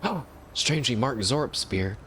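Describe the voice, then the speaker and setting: A man's voice: medium pitch, big pitch swings, unhurried, a bit bright, a little hiss or hum. A man giving casual, jokey let's-play commentary while playing a game. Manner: chatty, jokey, self-mocking. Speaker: gameplay commentator.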